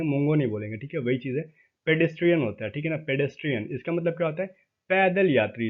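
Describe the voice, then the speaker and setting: A man teaching vocabulary for exam preparation, chatty, often checking in with his viewers and spelling words out slowly letter by letter. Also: on the high side. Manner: chatty, addresses viewers as "भाई". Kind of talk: exam-prep lesson. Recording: tinny phone-like audio.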